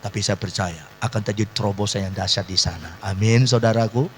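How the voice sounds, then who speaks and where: A man preaching a sermon at a church service. He moves between quiet asides and shouted climaxes, slips in English phrases and keeps asking the congregation to agree. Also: lowish voice, fast talker, slight background noise. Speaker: pastor.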